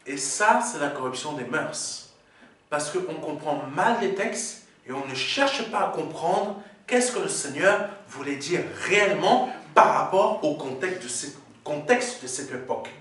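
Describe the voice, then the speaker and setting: In a very echoey church hall, a preacher with a high, animated voice that swings up and down works through his sermon point by point. He stops often for "Amen" and explains the meaning of Greek words, and the microphone sits far away from him.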